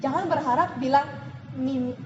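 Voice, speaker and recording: Female sales team leader, high and animated, echoey lo-fi room with noise behind. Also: normal speed. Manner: lively, animated, acts out examples. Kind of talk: motivational sales talk. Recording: echoey room, dull lo-fi, noisy.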